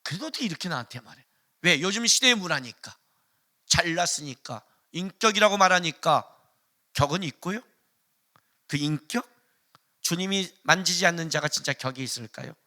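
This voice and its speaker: A male pastor preaching a sermon, firing rhetorical questions at the congregation and swinging between loud, emphatic outbursts and hushed asides. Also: on the high side, expressive, moderate pace, pauses often.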